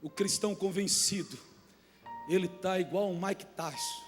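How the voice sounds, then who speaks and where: A man with a Brazilian accent preaches in a notably high voice, mixing a folksy, colloquial tone with fiery bursts that climb to shouting. His voice rings through a church hall with a long reverb, and soft music plays underneath. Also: unhurried. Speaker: pastor. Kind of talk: sermon.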